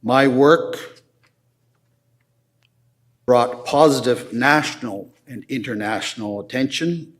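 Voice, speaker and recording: An older man addressing a city council, presenting his case formally with slow, deliberate emphasis. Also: mid-range voice.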